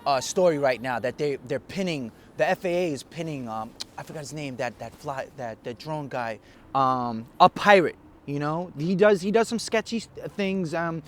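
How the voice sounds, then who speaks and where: A man's voice: on the high side, moderate pace, fairly bright tone, a little hiss or hum. A man co-hosting a casual chat, speaking in a laid-back, slangy, rambling way. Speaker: podcast co-host.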